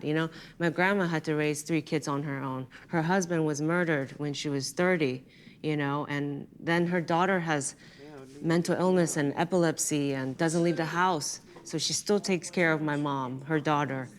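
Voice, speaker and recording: A woman's voice: low voice, steady tone, moderate pace, clean tone. A woman comedian talking candidly about her upbringing in a wry, reflective way. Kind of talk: candid conversation.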